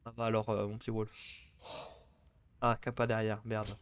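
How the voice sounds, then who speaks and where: A man casting a live strategy game match, chatty and excitable, bantering with viewers between plays. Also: fairly low pitch, normal speed, smooth. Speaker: esports caster.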